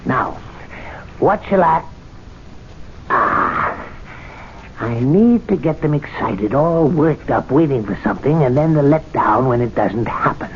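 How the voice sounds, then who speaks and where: An actor playing Timothy, a meek club attendant who schemes aloud and is easily excited, in a 1970s radio drama. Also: male voice, medium pitch, takes it slowly, pauses often. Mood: scheming. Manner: excitable, muttering, plotting aloud. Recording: dull old radio broadcast, faint hiss.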